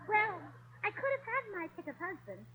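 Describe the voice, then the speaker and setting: Heavily acted and giddy, a woman voices a scatterbrained American wife putting on a posh English act in 1940s radio-comedy fashion, full of chirpy, muddled slang like blimey and governor. Her very high, bright voice swings widely in pitch with a forceful tone at a moderate pace, and the poor audio has a little hiss or hum.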